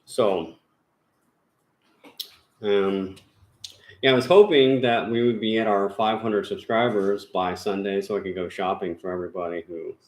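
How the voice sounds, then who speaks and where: This paranormal investigation channel host talks in an unhurried, lowish voice with fairly even intonation, pausing often. It's a rambling, casual chat at home full of fillers and restarts, recorded with a roomy echo.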